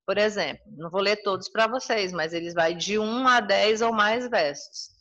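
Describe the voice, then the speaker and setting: A woman's voice: medium pitch, normal speed, fairly bright tone, highs cut off. Brazilian woman teacher explaining a lesson. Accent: Brazilian Portuguese. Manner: explanatory, repeats and rephrases points. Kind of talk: recorded school lesson.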